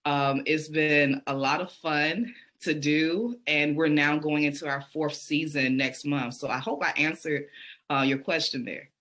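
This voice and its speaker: A woman with a Southern American accent, a podcaster and educator, tells her story as a guest in a casual online interview, answering conversationally with enthusiasm and self-reflection. Her low voice is a bit bright, with fairly even intonation and a slightly slow pace.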